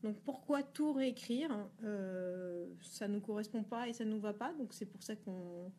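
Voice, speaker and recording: A woman's voice: mid-range voice, unhurried, warm tone, slight background noise. A woman co-hosting a photography blog video, talking frankly and casually with many fillers. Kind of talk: casual chat.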